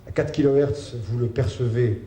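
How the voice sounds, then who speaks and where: A man giving a spoken lecture, halting, with many fillers and restarts. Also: mid-range voice, steady tone, warm tone. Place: lecture hall. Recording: roomy hall sound with faint ambient noise.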